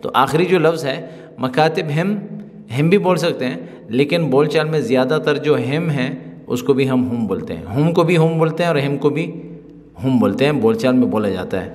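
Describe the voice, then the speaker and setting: A man's voice: medium pitch, expressive, darkish tone. Man teaching a language in a reverberant room. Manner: explains slowly, repeating phrases to drill them. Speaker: Arabic teacher. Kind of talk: spoken language lesson.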